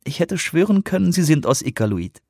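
A man's voice: on the high side, very animated, brisk, a little mellow, no echo, clean studio sound, pitched above the performer's own voice. A man voicing a friendly, talkative woman working at an airport counter, for an audiobook. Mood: friendly chatty. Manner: cheerful, talkative.

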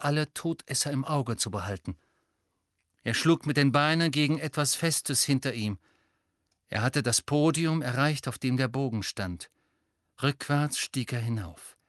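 Slow expressive male storyteller. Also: medium pitch, no echo, studio quality. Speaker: audiobook narrator. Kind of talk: scripted narration.

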